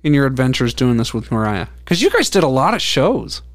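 A man's voice: medium pitch, big pitch swings, fairly quick, no room sound. A man co-hosting a podcast in a studio, chatting casually with a joking, teasing manner. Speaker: podcast co-host.

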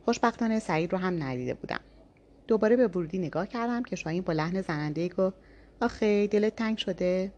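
A woman with a fairly low voice narrating a first-person audiobook. She reads calmly and evenly, keeping a steady tone through the story.

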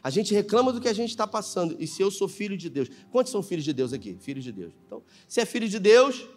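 In a church sanctuary, a pastor with a Brazilian Portuguese accent preaches a live sermon in a high, fast voice. He's animated, acting out dialogue in different voices.

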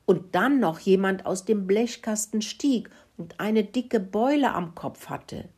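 A woman's voice: mid-range voice, slow pace, a little mellow, husky, pitched above the performer's own voice. A woman voicing a bossy little female mouse who lectures in a storybook reading. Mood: lecturing. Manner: lecturing, explaining.

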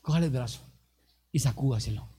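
A man preaching an energetic sermon, acting out quotes and calling on the congregation to respond. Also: medium pitch, brisk, breathy edge. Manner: animated preaching with acted-out quotes and calls to the congregation. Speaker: youth pastor.

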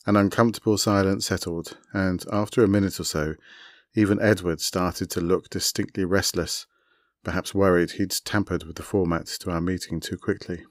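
A man narrating his own short story in a measured, even storytelling manner. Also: low voice, no room sound, studio quality. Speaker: author reading his story.

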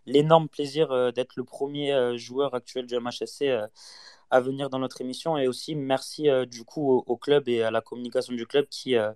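A man's voice: medium pitch, steady tone, moderate pace, a little mellow, smooth, dry recording. A man co-hosting a casual chat, speaking in a hesitant way with many fillers. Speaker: co-host.

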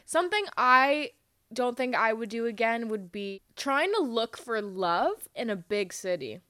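A woman's voice: fairly high pitch, expressive, a little slow, sharp tone, clear, resonant tone, dry recording. A young woman co-hosting a podcast, talking with dry, sarcastic, profane humor. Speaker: podcast co-host. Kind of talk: casual chat.

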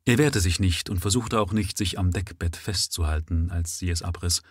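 A man reading a literary story aloud live at first sight, in a measured manner. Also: deep voice, slightly rough, dry recording, clean studio sound. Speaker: reader.

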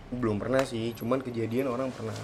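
A man's voice: mid-range voice, little pitch movement, fast talker, noisy background. A man with a Jakarta-area accent telling a spooky tale casually in informal Jakarta slang. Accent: Jakarta-area Indonesian. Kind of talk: casual ghost-story chat. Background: loud music.

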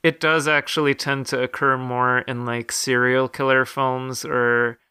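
Podcast co-host, male, bright and forceful tone, dry close sound, rambling casual delivery. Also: medium pitch, level tone, a little slow, smooth, no room sound. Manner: chatty, frequent fillers and restarts. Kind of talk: casual film discussion.

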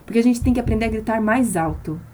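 Woman preacher, live-stream sermon, fervent, repeats phrases, warm mellow tone. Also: on the high side, fast, a little hiss or hum. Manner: impassioned, emphatic, repeats phrases for stress.

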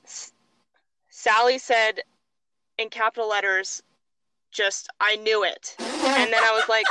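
A woman's voice: on the high side, steady tone, takes it slowly, pushed and bright, smooth, low-quality recording. A young woman from Alberta, Canada co-hosting a podcast, casually reading out online comments with amusement. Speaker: podcast co-host.

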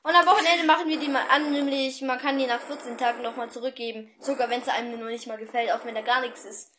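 High-pitched teenage girl vlogger, chatty and rambling, telling a story. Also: steady tone, fast talker, background noise. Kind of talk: casual storytelling chat.

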